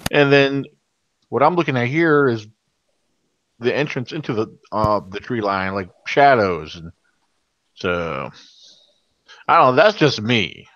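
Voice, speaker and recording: Halting man hosting, slightly dull audio. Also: medium pitch, lively intonation, fairly bright tone, dry recording. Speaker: host of an online panel. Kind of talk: casual unscripted hosting.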